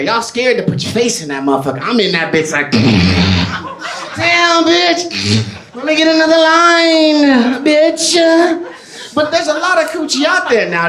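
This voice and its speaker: A man performing a stand-up comedy set in a club, brash and profane with loud punchlines. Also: high-pitched. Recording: roomy club sound.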